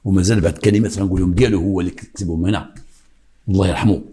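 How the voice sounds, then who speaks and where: An older man with a Moroccan accent, a retired police investigator telling a true crime story with dramatic pauses and imitated heartbeats. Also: low-pitched, fairly even intonation, mellow.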